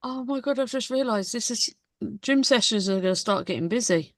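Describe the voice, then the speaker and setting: A woman's voice: fairly high pitch, brisk, no echo, studio quality. A woman co-hosting a live stream, bantering in a teasing, matter-of-fact way. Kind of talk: casual live stream chat.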